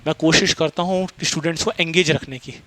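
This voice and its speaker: A man teaching physics in a fast classroom lecture, firing quick questions at his students. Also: fairly high pitch, fairly even intonation, bright, forceful tone, slight background noise. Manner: fast-talking, quizzes students, mixes Hindi and English terms.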